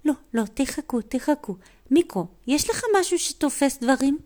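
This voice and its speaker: A woman's voice: high voice, voice pushed up. A woman doing teary, gushing old grandma. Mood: eager. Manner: gushing, repeats herself, teary with excitement. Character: excitable, easily moved grandmother, older woman.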